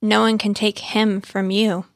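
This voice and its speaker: A woman voicing a proud, gentle adult male orange grower in a storybook reading, eager and savoring his words. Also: medium pitch, flat delivery, unhurried, no room sound, pitched above the performer's own voice, close to an everyday voice. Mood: eager, wondering. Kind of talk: storybook narration.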